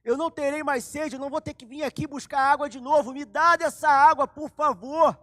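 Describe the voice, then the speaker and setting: A man voicing a weary woman at a well who begs loudly and insistently. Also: high voice, expressive, fairly quick. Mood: pleading. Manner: loud, pleading, insistent.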